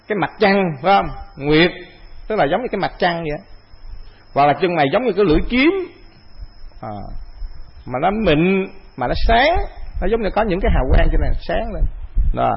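A Buddhist monk teaches an assembly in a high, gravelly voice, posing rhetorical questions and answering them himself. The sound is husky and comes through a dull, lo-fi recording. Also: male voice. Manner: conversational, rhetorical questions, repeats phrases. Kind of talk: dharma talk to monastic assembly.

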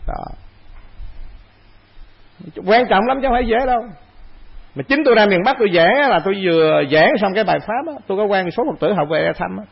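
Gravelly high-voiced monk giving a talk. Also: male voice, animated, fairly quick, long pauses, lo-fi sound. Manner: conversational, rhetorical questions, repeats phrases. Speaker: Buddhist monk teacher. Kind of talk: dharma talk to monastic assembly.

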